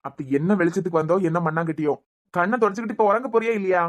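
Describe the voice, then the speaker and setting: A woman with a Kanyakumari Tamil accent voicing a gruff, nagging husband in a cartoon serial, scolding and impatient. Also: fairly low pitch, rapid-fire, close to an everyday voice.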